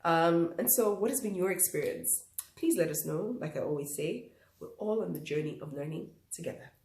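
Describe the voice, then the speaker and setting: Casting: young female vlog host, low-pitched, nasal and croaky from flu, out of breath, chatting reflectively in an echoey room. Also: animated, moderate pace, a little mellow. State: congested with flu, short of breath. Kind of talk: casual reflective talk to viewers.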